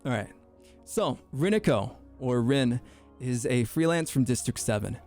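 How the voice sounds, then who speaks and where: A young man streams his VTuber debut with casual livestream chat, goofy, joking and quick to laugh, often stammering and restarting his words. His mid-range voice is animated and a little mellow, with faint music behind him.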